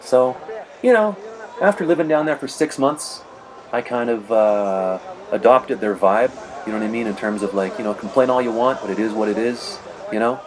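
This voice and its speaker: A man's voice: mid-range voice, moderate pace, a crowd in the background. A middle-aged man casually narrating footage of his own match, rambling and conversational with lots of "you know". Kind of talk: casual narrated commentary over video.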